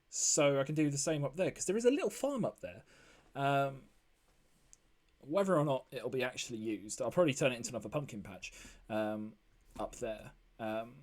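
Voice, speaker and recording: A man giving casual, rambling commentary while he builds in a game, with lots of ums and asides. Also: on the high side. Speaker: let's play host.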